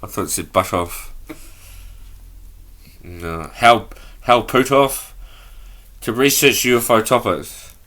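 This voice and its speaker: A man's voice: deep voice, expressive, measured pace, pauses often, bright, forceful tone. A man hosting a podcast in a casual, offhand way, reading aloud from notes and stumbling over words as he goes. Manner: offhand and loose. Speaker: podcast host.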